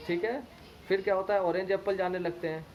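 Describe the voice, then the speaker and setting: A man with an Indian accent teaches a primary school English lesson, slowly reading a children's story, repeating words and spelling them out letter by letter. His voice sits high, steady and a little mellow. The recording is rough, with slight background noise.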